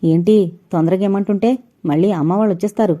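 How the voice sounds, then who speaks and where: A woman's voice: mid-range voice, fast talker, mellow, lightly acted. Woman voicing a playful teasing young wife. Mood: coaxing. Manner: teasing, coaxing.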